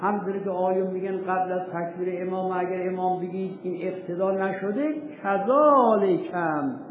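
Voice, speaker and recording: A man teaching religious law in a seminary lecture, firing rhetorical questions at his students and reading old texts slowly. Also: sits high, flat delivery, slight background noise. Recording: tinny echoey hall recording.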